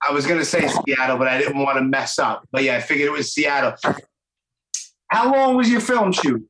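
A man's voice: medium pitch, expressive, brisk, a bit bright, reverberant, poor audio. A man with a Brooklyn accent hosting a podcast interview, chatty and enthusiastic in casual talk. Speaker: podcast host.

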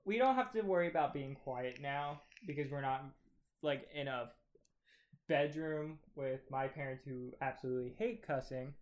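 A man's voice: mid-range voice, moderate pace. A young man hosting a casual podcast, joking around and swearing often. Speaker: podcast host. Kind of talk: casual chat.

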